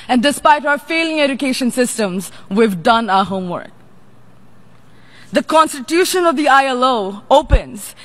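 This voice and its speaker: A young woman from Nepal, a youth representative, delivering a formal prepared speech in a measured, deliberate way. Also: high-pitched.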